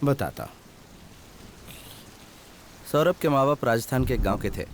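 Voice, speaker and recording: An actor voicing a young balloon seller who is stubborn and hard of hearing, in a film dub. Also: male voice, medium pitch, expressive, moderate pace, slight background noise, close to an everyday voice. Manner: storytelling, then irritable and sharp.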